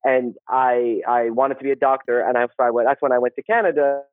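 Male interview guest, conversational and halting with repeated phrases, close dry sound with limited bandwidth. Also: medium pitch, dry recording, narrow, tinny audio. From Saudi Arabia. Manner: rambling, halting, repeats words and phrases, often tags "right?". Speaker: podcast guest, social worker. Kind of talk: casual interview, personal storytelling.

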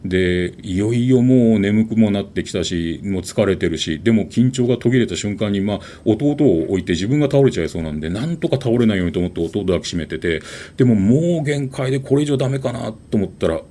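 A man telling a ghost story in an animated, dramatic way, with vivid sound words. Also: fairly low pitch, fairly quick, few pauses.

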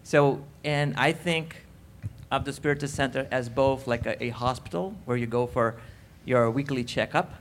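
A man's voice: medium pitch, moderate pace, slight background noise. Easygoing man on a live panel. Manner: laughing, easygoing, hesitant. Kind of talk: unscripted panel discussion. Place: symposium hall with audience.

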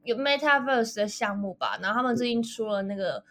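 A woman co-hosting a casual podcast chat with a sharp, quacking duck-like voice, speaking playfully and teasing herself. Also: a little high, lively intonation, fairly quick. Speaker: podcast co-host.

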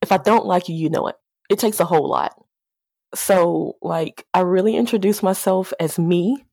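A woman's voice: on the low side, normal speed, gravelly, a little mellow, no room sound. A woman with a Southern American accent chatting casually, with a sassy, candid and playful manner. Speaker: auto repair shop owner, podcast guest. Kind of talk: casual chat.

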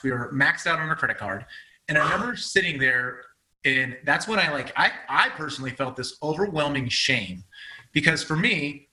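Bright-voiced man telling a confession. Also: medium pitch, poor audio. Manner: earnest, confessional. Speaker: guest, husband telling a couple's story. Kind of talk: casual storytelling.

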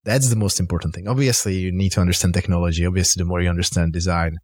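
This middle-aged Czech-accented startup founder and CEO rattles off rapid-fire, explanatory interview answers in a conversational style. His voice sits low with a darkish tone and fairly even intonation, captured in clean, dry studio sound.

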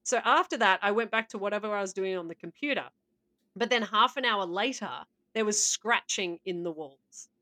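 A woman's voice: mid-range voice, moderate pace, bright, forceful tone. A woman co-hosting a casual podcast, reading out stories with playful asides and laughter. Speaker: podcast co-host.

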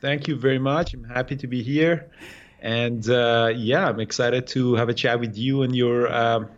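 A guest day trader, a man in his thirties from Iran with an Iranian accent, answers interview questions haltingly, full of fillers and restarts. His pitch is medium and his intonation fairly even, and the audio's highs are cut off.

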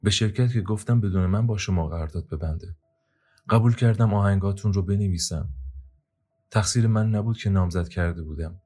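A man's voice: on the low side, dark tone, voice pushed up, lightly acted. A man voicing a troubled young woman who speaks in a defensive, strained way.

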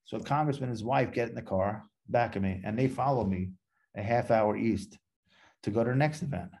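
A man's voice: medium pitch, brisk, darkish tone. A man, a podcast guest telling rambling anecdotes and acting out the dialogue in them. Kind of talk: casual storytelling interview.

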